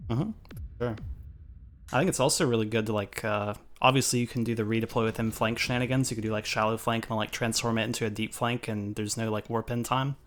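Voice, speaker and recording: A man hosting a casual online match review, talking through a livestream headset mic in a relaxed, chatty way with many fillers. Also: mid-range voice, quick pace. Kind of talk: casual online game chat.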